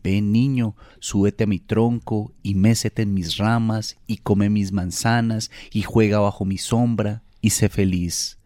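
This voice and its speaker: A man voicing a gentle, generous male tree, speaking softly and tenderly. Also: lowish voice, fairly even intonation, measured pace, few pauses, dry recording, studio quality, natural voice.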